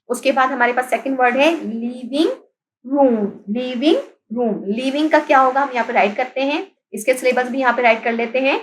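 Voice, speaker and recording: Young female teacher, high voice, patient letter-by-letter spelling. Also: low-quality recording. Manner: patient, spells words out letter by letter and repeats them; mixes English terms into explanations. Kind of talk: classroom lesson recorded as video.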